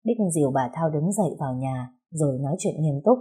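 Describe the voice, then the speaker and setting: Low husky woman narrating a story. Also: expressive, a little fast, mellow. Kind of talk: scripted narration of a family drama story.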